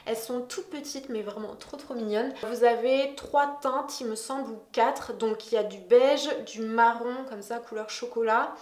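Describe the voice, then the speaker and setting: A woman's voice: fairly high pitch, normal speed, hardly any pauses, darkish tone. A woman chatting casually in a home decor haul vlog, enthusiastic, with frequent hesitations. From France. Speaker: decor vlogger. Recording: echoey room.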